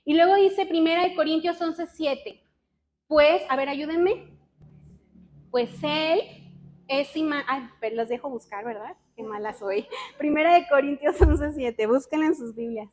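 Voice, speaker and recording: A woman with a high voice leads a casual Bible teaching for a women's group. She talks in a chatty, self-mocking way and keeps asking her listeners questions. When she reads scripture she slows down and weighs each word. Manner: reads scripture slowly and deliberately. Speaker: women's ministry speaker.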